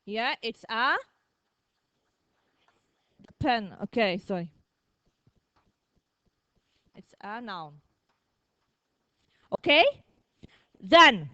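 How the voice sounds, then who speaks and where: A woman teaching a primary school vocabulary lesson, repeating words slowly, drilling the class and checking with "okay?" after each point. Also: fairly high pitch, animated, pushed and bright, clean tone, no room sound, highs cut off.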